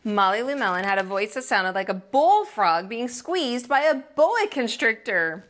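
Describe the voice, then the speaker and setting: A woman teacher reading a children's picture book aloud, expressive and slow, with deliberate pauses. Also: fairly high pitch. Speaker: teacher and storyteller.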